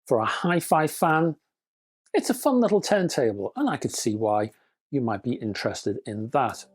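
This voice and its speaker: A man with a mid-range, expressive voice and a slightly breathy edge hosts a hi-fi news channel at a moderate pace. He reads product specs from a script, slipping in dry, wry asides, and signs off chattily, calling his viewers folks.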